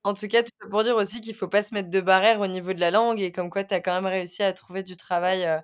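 A woman's voice: medium pitch, fairly even intonation, fast, smooth. A woman hosting a casual interview, asking questions and giving short encouraging replies.

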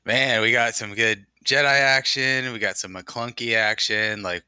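A man's voice: medium pitch, steady tone, a little slow, pushed and bright, clean tone, no room sound, clean studio sound. A man guesting on a casual podcast, laid-back and laughing mid-sentence. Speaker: guest co-host. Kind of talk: casual chat.

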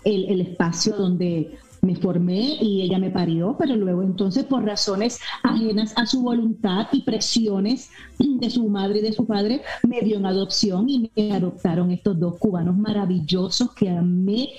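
A middle-aged woman from Miami, an interview guest telling a candid personal story in an expressive way, with rhetorical asides. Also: mid-range voice, measured pace. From Miami, United States. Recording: echoey, slightly dull room sound with faint music.

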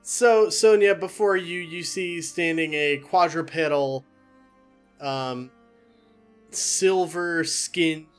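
A man running a tabletop game as dungeon master, describing scenes casually and haltingly. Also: on the high side, clear, resonant tone, soft background music.

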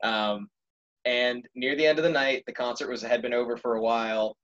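A young man telling a story in casual conversation, animated and laughing often. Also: mid-range voice, moderate pace, dull audio.

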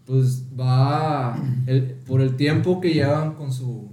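A man's voice: medium pitch, slow, warm tone. A young man with a northern Mexican accent chatting casually on a podcast. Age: young adult. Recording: roomy, echoing sound.

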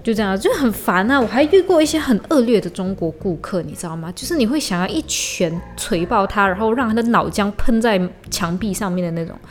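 A woman's voice: medium pitch, expressive, a little fast, hardly any pauses. A woman hosting a solo podcast, talking in a heated, blunt, profane way and slipping in English slang. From Malaysia. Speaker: podcast host. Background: faint lo-fi hip-hop beat.

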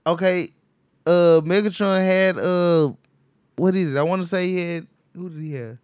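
A man's voice: sits high, normal speed, darkish tone, smooth, no room sound, clean studio sound. A man in a casual football debate, slangy and emphatic, repeating short blunt verdicts.

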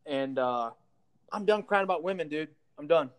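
A man's voice: on the high side, expressive, normal speed, smooth. Swearing, story-telling podcast guy. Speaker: podcast co-host. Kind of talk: casual chat.

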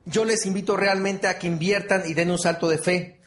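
A man's voice: high voice, fairly even intonation, moderate pace. A man giving a motivational speech to an audience, earnest, repeating phrases and asking the audience for agreement. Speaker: motivational speaker.

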